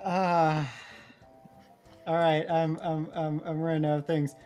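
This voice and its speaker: Player, very slow and deliberate delivery, joking tone, light music behind. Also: mid-range voice, level tone, darkish tone. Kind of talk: casual game table chat.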